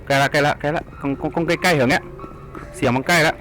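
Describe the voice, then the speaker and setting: A man giving casual let's play commentary, excitable, swearing freely and repeating himself. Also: on the high side, fast talker. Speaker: gaming channel host. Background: game music and gunfire.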